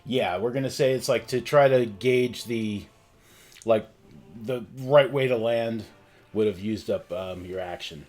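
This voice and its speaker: A man narrating a tabletop game as game master, casual and halting as he thinks aloud. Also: lowish voice, darkish tone, soft background music.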